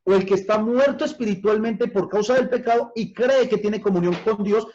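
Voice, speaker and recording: A man preaching as pastor in a discipleship class, addressing listeners as brothers, asking them questions and drawing out key words slowly for emphasis. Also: high-pitched, a little mellow. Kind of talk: discipleship teaching on scripture. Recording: dull lo-fi recording.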